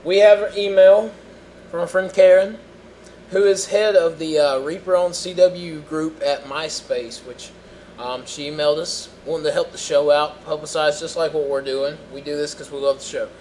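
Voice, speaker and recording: A man's voice: a little high, steady tone, moderate pace, a little mellow, slight background noise, poor audio. A young man co-hosting a casual podcast, rambling and joking with filler words while he has the hiccups. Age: young adult. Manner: rambling, self-interrupting, jokey. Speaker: podcast co-host.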